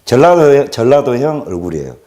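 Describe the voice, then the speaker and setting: A man in his thirties with a Jeolla accent, chatting alone on a livestream. His pitch jumps around constantly as he jokes and rambles, and his voice stays mellow and dark in tone, dropping to near mutters between louder bursts. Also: a little fast. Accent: Jeolla Korean. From Jeolla region, South Korea. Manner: animated, joking, swings between loud and quiet. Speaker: livestream host. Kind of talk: casual livestream monologue.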